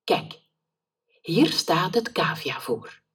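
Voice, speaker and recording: A woman reading the part of a friendly middle-aged pet shop keeper in a children's story, with a very husky, breathy voice. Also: on the low side, big pitch swings, slow pace, fairly bright tone, distant mic, heavily acted.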